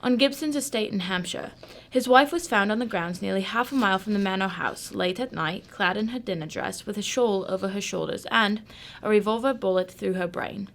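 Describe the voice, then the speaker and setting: For an amateur radio drama, a woman plays a composed, analytical female Sherlock Holmes, speaking in a measured, formal, precise way. Her medium-pitched voice is creaky with a fairly bright tone.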